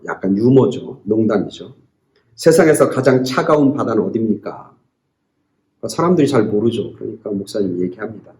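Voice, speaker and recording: A man's voice: on the low side, warm tone. A male pastor preaching a sermon in a church, telling a joke story with acted quotes and building to emphatic rhetorical questions. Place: church sanctuary. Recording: roomy church echo.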